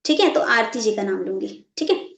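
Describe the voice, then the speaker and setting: A woman's voice: medium pitch, animated, moderate pace, vocal fry, roomy sound. A woman running a live online training session, stopping again and again to check that her class is following and repeating her points. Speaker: network marketing trainer.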